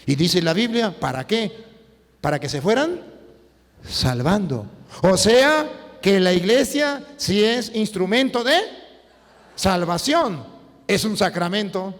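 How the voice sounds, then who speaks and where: Priest guy preaching, highish voice, jumps loud and soft a lot, long echo tail. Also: takes it slowly, long pauses. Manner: animated storytelling with sudden swings in pitch and loudness. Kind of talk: preaching sermon. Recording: long hall reverb.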